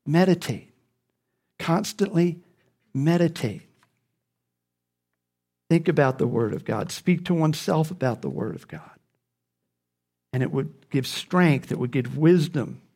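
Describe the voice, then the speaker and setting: Earnest man preaching, fairly high voice. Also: lively intonation, a little slow, pauses often, darkish tone. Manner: earnest, repeats key phrases for emphasis. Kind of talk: sermon.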